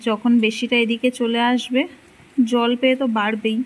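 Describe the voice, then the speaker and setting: Chatty young woman, slightly high voice. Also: level tone, normal speed, poor audio. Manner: chatty, addresses viewers directly; speaks very softly while her child sleeps. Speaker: vlogger. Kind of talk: casual home vlog narration. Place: small home kitchen and rooms.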